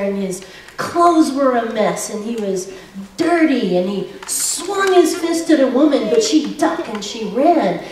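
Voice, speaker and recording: Woman pastor, children's story, animated, slow, distant, heavy echo. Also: a little high, a little hiss or hum. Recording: echoey sanctuary from far off.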